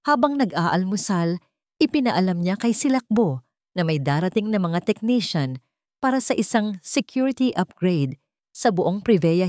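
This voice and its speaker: A woman with a Filipino accent and a medium-pitched, darkish voice reads a scripted dramatic story as a storyteller. The recording is clean studio sound with no room sound.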